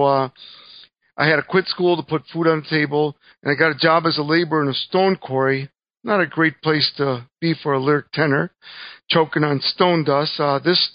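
Middle-aged Cuban-born man, earnest guest storyteller, higher-pitched, dry muffled recording. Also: no echo. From Cuba. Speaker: guest speaker. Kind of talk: telling his life story.

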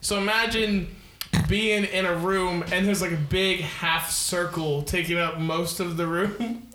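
A man's voice: high voice, fairly even intonation, a little slow, bright, forceful tone. An American man narrating a tabletop game casually as game master, with slangy, profane talk. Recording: echoey room, noisy background.

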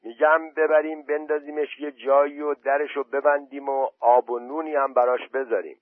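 A man's voice: medium pitch, little pitch movement, no room sound, voice pushed up, lightly acted. A man reading aloud as a blunt, bossy village man in a story, speaking firmly with a raised voice. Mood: insistent. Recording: dry, tinny phone-quality audio.

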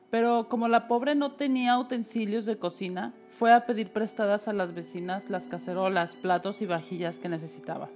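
A woman hosting a storytelling show, reading a folk tale aloud in a relaxed way, with restarts and casual asides. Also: medium pitch. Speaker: host and storyteller.

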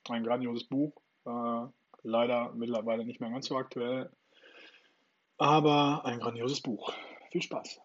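A man's voice: mid-range voice, flat delivery, unhurried, muffled recording. A man hosting his own podcast, chatting informally with many fillers before reading a novel aloud. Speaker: podcast host and reader.

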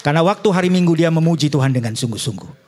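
A middle-aged man preaching a sermon as a pastor, animated, with joking asides and rising exclamations to the congregation. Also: a little high, very fast. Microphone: addressing a congregation and viewers.

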